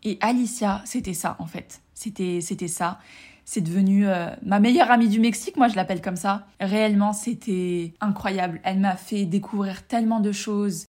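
A woman's voice: mid-range voice, fairly even intonation, normal speed, a little mellow. A woman from France hosting a casual personal podcast, chatting enthusiastically and speaking straight to her listeners. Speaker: podcast host and coach.

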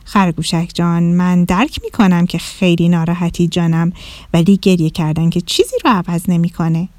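A woman's voice: fairly low pitch, flat delivery, darkish tone, dry recording, voice pushed down, natural voice. A woman voicing a kindly but exasperated male owl schoolteacher in a children's storybook. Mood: teacherly. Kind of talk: storybook narration.

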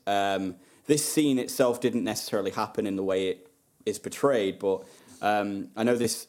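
Low-ish guy chatting about a movie, thoughtful, ums a lot. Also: darkish tone. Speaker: podcast guest. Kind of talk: casual film discussion.

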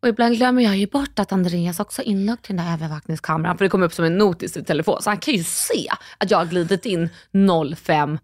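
A woman co-hosting a casual podcast chat, frank and joking, with quick reactions. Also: lowish voice, a little mellow, no echo, clean studio sound. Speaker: podcast co-host.

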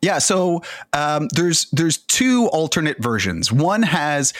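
A man hosting a casual film podcast, explaining plot details at length in a relaxed conversational way. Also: on the high side, slow, no echo. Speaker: podcast host.

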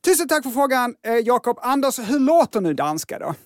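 Animated, high-voiced male podcast host. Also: no echo, clean studio sound. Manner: lively, reads listener letters. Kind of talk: casual podcast chat.

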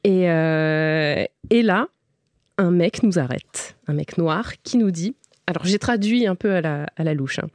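A woman's voice: lowish voice, a little slow, a little mellow, no echo, studio quality. A woman from France, co-hosting a podcast, telling anecdotes in casual chat with many hesitations. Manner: storytelling with many fillers. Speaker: podcast co-host.

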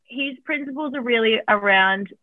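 Her voice is on the high side and moves at a moderate pace. She's an oral health therapist fielding interview questions over a tinny, dry-sounding remote call, staying chatty, laughing readily and leaning on fillers.

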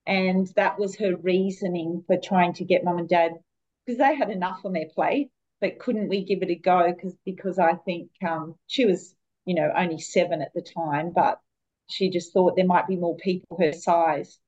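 A woman in her fifties with an Australian accent, a guest on a podcast telling stories from her life in a relaxed, chatty way with fillers. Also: on the low side, moderate pace, lo-fi sound. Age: 50s. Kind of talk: casual interview chat.

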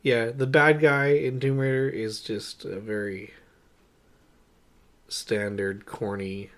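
A podcast co-host chats casually and informally about movies, reviewing them in a relaxed way. His medium-pitched voice is level, a bit bright, and unhurried.

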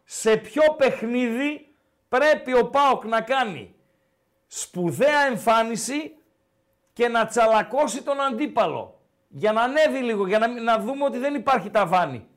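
A man's voice: very high voice, animated, fairly bright tone. A man hosting a call-in sports radio show, talking casually and animatedly and repeating himself for emphasis.

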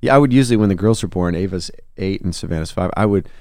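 A man with a lowish voice speaks earnestly and reflectively, telling a personal story as a guest. The sound is dry and close, with no room around it. His delivery is that of a musician talking things through in conversation. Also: fast, darkish tone, no room sound. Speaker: songwriter and musician. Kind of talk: conversational interview.

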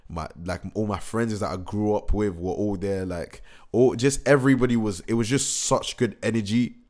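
A young man chats through a vlog in a low voice. He rambles and restarts, full of excitement, with a slight hoarseness from a recent cold. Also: normal speed. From England. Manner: excitable, rambling, slangy, many fillers and restarts. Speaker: musician. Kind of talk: casual vlog recap.

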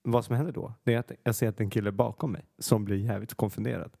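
A man's voice: fairly low pitch, fairly even intonation, creaky, mellow, dry recording, clean studio sound. A man co-hosting a podcast in casual chat, telling anecdotes and often laughing. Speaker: podcast co-host.

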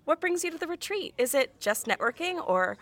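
A bubbly, dim-witted co-host, played by a woman, gushing and fawning at everyone. Her high, bright voice bounces all over the place. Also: very animated, a little fast, heavily acted. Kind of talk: fiction podcast drama.

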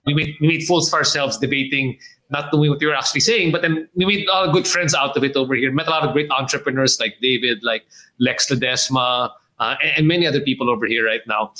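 A man's voice: medium pitch, fast talker, pushed and bright. A man with a Filipino accent hosting a podcast interview, talking in a rambling, friendly way and slipping in Filipino words. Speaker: podcast host. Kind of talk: casual interview chat.

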